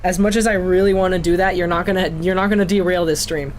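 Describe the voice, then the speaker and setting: Excitable high-voiced male streamer. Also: fast talker, slight background noise. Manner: excitable, jokey, laughs often. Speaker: streamer reading creepypastas. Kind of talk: casual live-stream chat.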